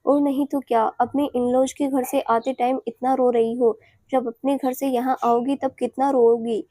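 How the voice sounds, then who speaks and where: A woman voicing a young husband who gently teases and comforts his wife in an audio story. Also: high-pitched, little pitch movement, unhurried, dry recording. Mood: teasing. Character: young devoted husband, teasing and caring.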